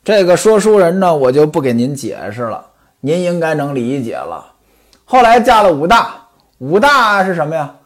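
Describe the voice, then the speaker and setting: A man's voice: a little high, very animated, normal speed. A man narrating in the traditional storytelling style, with chatty asides to the listener and a playful, knowing tone.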